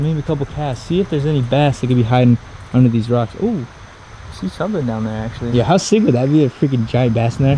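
Excitable young man vlogging while fishing. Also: fairly high pitch, a little hiss or hum. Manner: excitable, slangy, talks to viewers while fishing. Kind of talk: casual outdoor vlog commentary. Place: outdoors at a park pond. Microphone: action camera, head-mounted and handheld.

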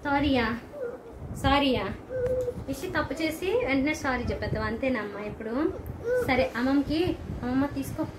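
A woman's voice: high-pitched, fairly quick, long pauses, noisy background. A mother, coaxing and teasing her small child at home.

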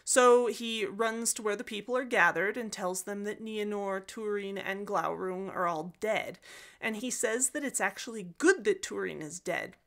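A woman's voice: mid-range voice, normal speed, fairly bright tone. A woman hosting a book summary series, retelling a story in a chatty, casual way with joking asides.

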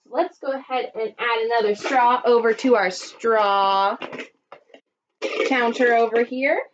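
Slow, high-voiced woman teaching like kids show host. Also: fairly even intonation, background noise. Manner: kids show host style, addressing children, prompting and counting along. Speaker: elementary school teacher. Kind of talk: math lesson for young children. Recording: dull lo-fi webcam sound.

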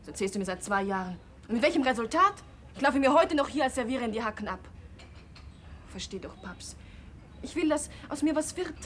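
A woman's voice: mid-range voice, expressive, fast talker, few pauses, darkish tone, natural voice. An actress playing a young waitress who speaks out against her father, in a 1960s TV drama. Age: young adult. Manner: defiant, outspoken. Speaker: waitress, innkeeper's daughter. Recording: old TV soundtrack with faint hiss.

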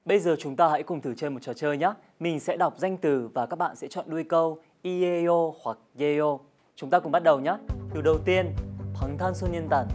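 A woman's voice: sits low, quick pace, a little mellow, faint music behind. A woman co-hosting a scripted television language lesson, guiding viewers through drills and games in a friendly way. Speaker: Korean language teacher co-host.

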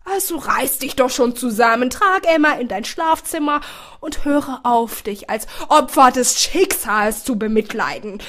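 A woman voicing a calm, gently firm grandfather in an audiobook, speaking slowly and deliberately. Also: high-pitched. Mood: calm, explaining. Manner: slow and deliberate, measured. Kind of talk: audiobook character voice.

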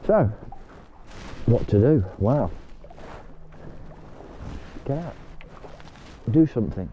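Older bloke rambling on from a kayak, action cam sound a bit dull, faint outdoor hiss. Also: male voice, on the low side. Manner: chatty, rambling, talks to his dog. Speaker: vlogger. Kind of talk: casual vlog chat.

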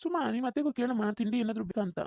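A man's voice: very high-pitched, very fast, warm tone, a little hiss or hum. A man voicing a jolly, greedy father-in-law in a cartoon, gloating and teasing as he eats.

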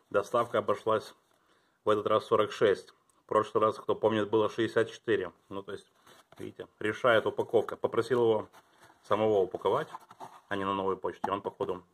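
A man chatting casually at home as he unboxes and reviews his collection, thinking aloud and dropping to quiet mutters as he handles things. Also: lowish voice, slight background noise.

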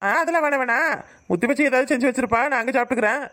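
A woman's voice: high voice, rapid-fire. Woman voicing a stingy old village grandfather. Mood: gently scolding. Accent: Kanyakumari Tamil. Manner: grumbling, then gently scolding. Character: stingy but kindly old village father-in-law. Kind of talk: cartoon voice acting.

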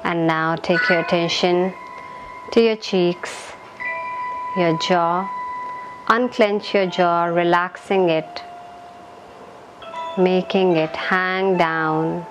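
A woman with a fairly low voice guides a meditation against some background noise. Her delivery is calm, gentle and soothing, with short instructional phrases and long silences between them.

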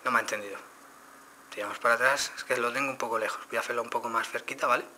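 A man with a Spain Spanish accent walks viewers through a phone demo in a relaxed, explanatory way. His voice is very bright and sharp, with a faint hiss behind it. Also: mid-range voice, racing. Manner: explanatory, addresses viewers directly. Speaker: phone reviewer. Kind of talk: casual product demo.

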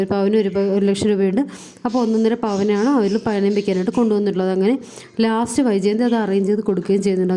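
Woman rattling off a serial recap real quick, mellow tone, lots of fillers. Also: mid-range voice. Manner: chatty, many fillers and tag words. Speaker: serial review vlogger. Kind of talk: casual plot retelling.

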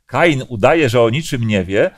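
A man's voice: medium pitch, expressive, normal speed. A man leading a Bible study discussion, explaining passages and asking the group questions.

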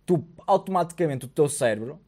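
A Portuguese man in his thirties with a fairly high voice tells a story at a rapid clip. He acts out each exchange and swears freely as he talks on a studio mic. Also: expressive, warm tone. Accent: European Portuguese. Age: 30s. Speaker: podcast co-host. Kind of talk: casual chat. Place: studio with blue lighting, indoors. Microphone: studio mic on arm.

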